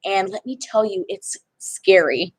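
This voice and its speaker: A young woman rambles through a casual vlog chat in a medium-pitched, animated voice that's a little slow and breathy at the edges. She keeps interrupting herself mid-sentence.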